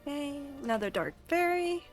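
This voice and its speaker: A woman's voice: high-pitched, very animated, moderate pace. A woman giving casual commentary as she streams a video game. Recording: game music behind the voice.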